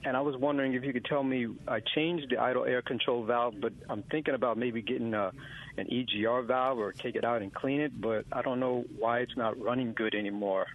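A man's voice: mid-range voice, fairly even intonation, fairly quick. A man calling into a radio show over the phone, asking a question in a hesitant, polite way. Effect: heard over the phone. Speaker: caller. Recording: tinny phone line, faint hiss.

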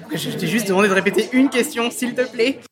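A woman's voice: a little high, fast talker, a crowd in the background. A woman guest on a podcast, talking casually and chattily, full of fillers and restarts. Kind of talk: casual interview talk.

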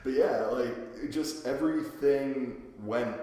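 A man with a hoarse voice hosts a casual sports podcast. His voice rings around a very echoey basement with trailing reverb. The pitch is average for a man. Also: a little slow, mellow. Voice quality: worn-out voice from a night of cheering. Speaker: podcast host. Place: in a home basement.

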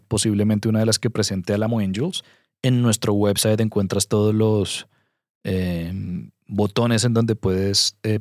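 A man's voice: on the low side, no echo, clean studio sound. A man, a guest on a podcast, talking earnestly and emphatically as he gives direct advice. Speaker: guest investor. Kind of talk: conversational podcast interview.

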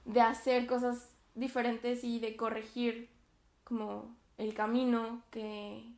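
This podcast host is a woman in her 20s with a higher voice, speaking slowly in a flat, slightly mellow way within a roomy-sounding space. Her casual, reflective monologue is chatty and peppered with fillers and nervous laughs.

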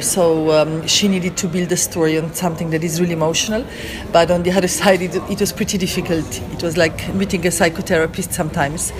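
A woman with a Slovenian accent speaks in an interview with a somewhat low voice. She pauses and searches for words as she explains herself. A clear crowd murmur sits behind her. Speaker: interview guest, chef. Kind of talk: spoken interview.

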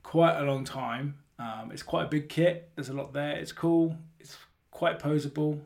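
A man hosts a hobby podcast from the hallway of a flat, rambling casually and correcting himself. His voice is a little high and creaky, and his pace is measured.

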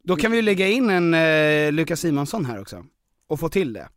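A man hosting a podcast who walks through categories in an explaining tone, with the odd filler. His voice sits a bit high. The sound is close and dry, with no room echo. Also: very animated. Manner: lecturing, lists categories with fillers. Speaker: podcast host. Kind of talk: casual explanatory chat.

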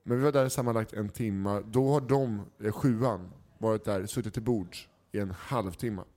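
Man, casual podcast chat, animated storyteller, mimics characters. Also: fairly low pitch. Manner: animated anecdote teller, acts out quoted people.

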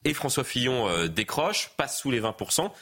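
A man commenting on politics in a talk show debate, halting and full of hesitations as he explains at length. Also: mid-range voice, big pitch swings, a bit bright.

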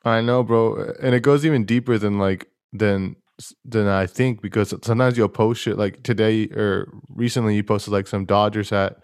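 Laid-back low-voiced male podcast host. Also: moderate pace, hardly any pauses, clean tone, dry recording, studio quality. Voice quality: self-described monotone voice. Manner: laid-back, rambling, with frequent fillers. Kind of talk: casual podcast chat.

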